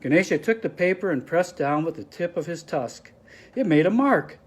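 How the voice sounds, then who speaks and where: A man's voice: on the high side, expressive, normal speed, slightly rough. Friendly man reading a picture book. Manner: friendly, explains the pictures with asides. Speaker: storybook reader.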